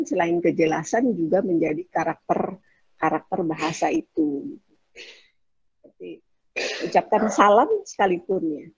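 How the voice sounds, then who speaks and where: Low husky woman lecturing. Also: darkish tone, dry recording, muffled recording. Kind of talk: online class lecture. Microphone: video call.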